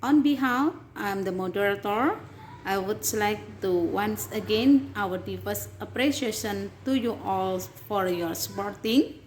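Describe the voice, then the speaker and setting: A woman's voice: mid-range voice, slow, a little hiss or hum. Woman moderator giving formal closing remarks. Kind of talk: closing a class presentation in English.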